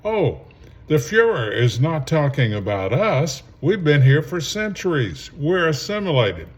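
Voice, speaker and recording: A complacent townsperson waves off any danger in a noticeably higher, sneering tone, as a man puts him on. The delivery is slow and sarcastic, dripping with false reassurance. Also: very animated, husky, heavily acted. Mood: smugly dismissive. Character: complacent assimilated townsperson, dismissive.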